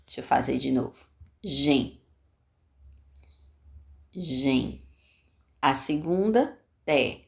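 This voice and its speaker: A patient woman teacher explains schoolwork step by step to young children. Her voice sits low and has a gravelly edge. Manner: patient, repeats steps, asks and answers questions. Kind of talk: explaining homework to young pupils.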